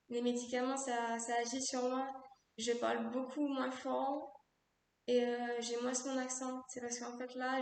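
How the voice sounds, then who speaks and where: A young woman in casual chat with a friend, talking loudly and quickly in a rambling way with many fillers. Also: high-pitched. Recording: echoey room with faint hiss.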